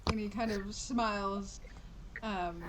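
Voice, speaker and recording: A woman runs a tabletop game, narrating scenes in a loose, relaxed way with many fillers. Her pitch sits in a middle range. Clear hiss runs through the home recording. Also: slow. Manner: relaxed, filler-heavy storytelling. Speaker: game master.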